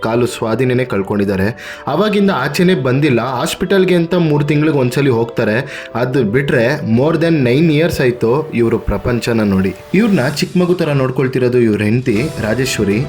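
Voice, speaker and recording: A man's voice: mid-range voice, animated, a little fast, a little mellow. Young Kannada man vlogging, music under him. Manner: coaxing, comforting, playful. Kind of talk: casual vlog narration and chat.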